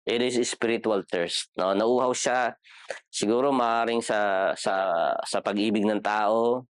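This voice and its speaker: A man's voice: fairly low pitch, fairly even intonation, slow, smooth, no room sound, clean studio sound. A man with a Filipino accent teaching a Bible class in a casual, chatty way, questioning his listeners and joking. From Philippines. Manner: chatty, asks the class questions, jokes, code-switches. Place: church classroom.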